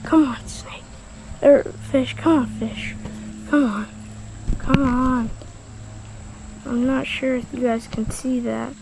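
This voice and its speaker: A woman vlogging outdoors by a creek, talking excitedly to the camera and exclaiming often. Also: sits high, takes it slowly, vocal fry, pauses often, noisy background. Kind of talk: casual vlog commentary. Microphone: action camera mic.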